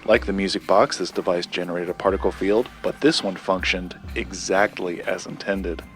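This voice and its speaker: A low male voice, steady and natural, tells a dark local legend in the role of a secretive collector for an audio drama. He speaks in a measured, deliberate way, pausing for effect while music plays beneath, creating a grave, mysterious mood.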